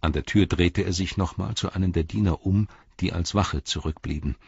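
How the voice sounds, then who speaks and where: A man reading a story aloud in a measured, grave way. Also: deep voice, creaky, a little mellow, husky. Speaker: audiobook narrator. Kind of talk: scripted narration. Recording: dull, dry recording.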